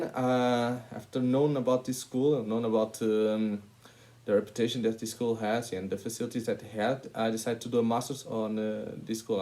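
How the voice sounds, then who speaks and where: A man's voice: medium pitch, warm tone. A man in his twenties from Portugal with a Portuguese accent, giving a hesitant presentation full of filler sounds. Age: 20s. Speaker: hospitality master's student. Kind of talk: presentation to camera.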